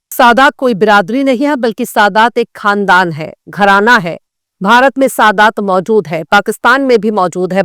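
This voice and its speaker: A woman's voice: medium pitch, smooth, no echo, clean studio sound. A woman news anchor delivering scripted, pointed news commentary with a scornful edge.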